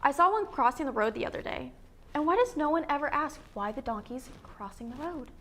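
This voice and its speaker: A woman's voice: high voice, lively intonation, fairly quick, a bit bright, a little hiss or hum. A young woman co-hosting a student local news feature, reading an upbeat, jokey script with small stumbles. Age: young adult.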